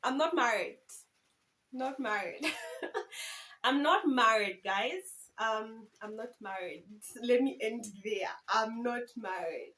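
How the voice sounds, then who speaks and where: A young woman in her twenties from Zambia talks casually to her viewers in a Q and A vlog. Her voice sits high, and her talk is playful and full of giggles. It sounds recorded on a camera phone. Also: slow, a bit bright, rough recording. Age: 20s. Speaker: YouTuber.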